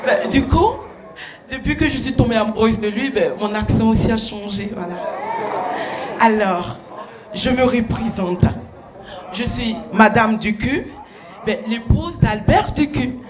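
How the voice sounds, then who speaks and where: A man's voice: very high voice, slow pace, pauses often, low-quality recording. A man voicing a flirtatious, gushing woman with a put-on French accent, who teases the audience and fills every line with "hein" and "oh là là". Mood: teasing. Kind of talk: stand-up character comedy on stage. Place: concert stage before a large audience. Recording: live stage show with loud crowd and noise.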